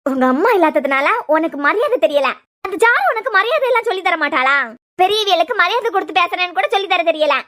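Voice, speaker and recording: A woman voicing a shrill scheming stepmother-to-be. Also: expressive, fast talker, bright, forceful tone, heavily acted. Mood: threatening. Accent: Kanyakumari Tamil. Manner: scolding, threatening, sneering. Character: scheming young bride-to-be woman, cruel to a stepchild. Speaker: voice artist for a cartoon serial.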